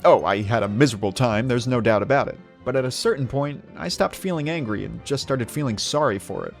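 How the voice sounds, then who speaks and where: A man's voice: mid-range voice, fairly quick, creaky, faint music behind. A young man narrating a scripted video game review in a wry, sarcastic way.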